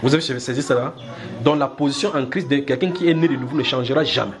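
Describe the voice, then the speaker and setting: A man from Cameroon preaching a sermon to a congregation, lively, acting out small scenes and chuckling as he teaches. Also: fast, a crowd in the background. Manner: lively, acts out little scenes with shifting pitch, chuckles while preaching.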